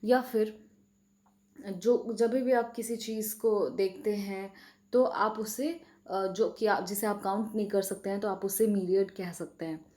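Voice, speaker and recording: A woman with an Indian English accent leads a casual vocabulary lesson, friendly and chatty, with frequent check-ins to her viewers. Her voice sits at an ordinary middle pitch and has a warm, mellow tone. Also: fairly even intonation, slow pace. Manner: friendly, repeats "friends" and "okay?" often.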